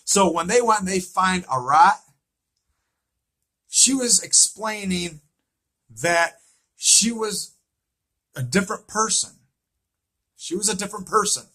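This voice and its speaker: The audio is poor as a man delivers a casual fan recap slowly, pausing often. His slightly high voice is forceful with a rough, husky edge, and he stays emphatic and repetitive, full of rhetorical questions.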